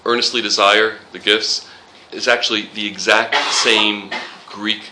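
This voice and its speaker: Over a noisy background, this man speaks in a lowish, flat voice at a measured pace. He runs an informal Bible study, chatting conversationally, citing scripture, and trading jokes with his class.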